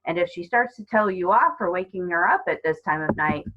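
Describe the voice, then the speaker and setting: A gruff, jovial storybook policeman talks loudly and kindly down to a child, read out by a woman. He is patronizing and chummy and booms his words. The recording sounds dull and lo-fi. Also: lively intonation, fairly quick, background noise, natural voice. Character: gruff, jovial grown man, a police officer.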